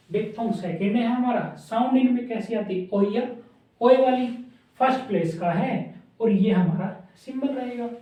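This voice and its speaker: A man's voice: very high voice, mellow. A man teaching a shorthand lesson, repeating sounds aloud as he draws strokes. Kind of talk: classroom lesson. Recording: echoey room from a distant mic, dull.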